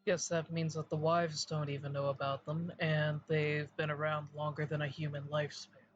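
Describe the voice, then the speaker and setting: Even, higher-pitched man in tabletop role-play. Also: moderate pace, dull audio, soft background music. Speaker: participant in a tabletop role-playing game.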